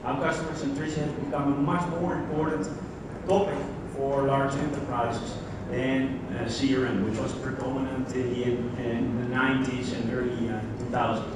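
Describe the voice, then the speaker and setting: A Dutch man from the Netherlands gives a keynote in a large conference hall, his mid-range voice level and moderately paced with few pauses. He talks conversationally, putting questions straight to the audience. The recording is very echoey, with a distant mic and background noise.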